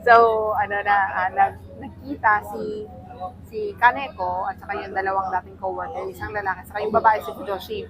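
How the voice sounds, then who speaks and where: A woman casually recapping a manga, animated and acting out the quotes, laughing often. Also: mid-range voice, fairly quick, crowd noise, low-quality recording. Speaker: manga reviewer. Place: public place with people around.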